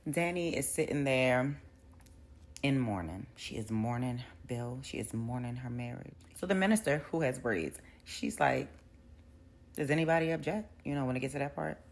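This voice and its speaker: A woman giving a casual episode recap as a reviewer, a lively storyteller who acts out the characters' lines. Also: rumbling low, moderate pace, creaky. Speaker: TV show reviewer.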